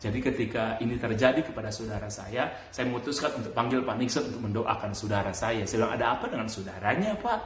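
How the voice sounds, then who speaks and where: Animated preacher man, echoey hall. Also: quick pace, hardly any pauses. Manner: animated storytelling with sudden high bursts and laughs. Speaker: pastor. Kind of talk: sermon. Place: church.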